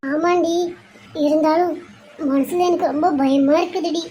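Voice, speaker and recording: A woman's voice: very high voice, fairly even intonation, normal speed, dark tone, slight background noise. A woman voicing a weepy, anxious mother. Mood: worried. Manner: weepy, worried. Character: tearful middle-aged mother, anxious, emotional. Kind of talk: cartoon serial voice acting.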